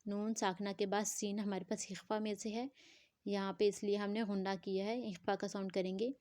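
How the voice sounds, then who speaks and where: A woman's voice: medium pitch, little pitch movement, darkish tone, dry recording. A woman teaching Quran recitation, spelling words letter by letter and drawing out the nasal sounds. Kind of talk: slow spelling-out tajweed lesson.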